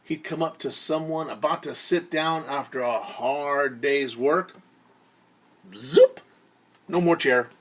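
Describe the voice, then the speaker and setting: Storytelling as a teacher for small children, a man goes theatrical, stopping to simplify words and voice the sounds himself. His voice sits on the high side with a breathy edge.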